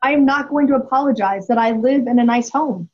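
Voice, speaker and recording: A woman's voice: a little high, fairly quick. A woman in her forties, speaking as a guest and telling a story candidly, with emphasis and frequent restarts. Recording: dull lo-fi audio.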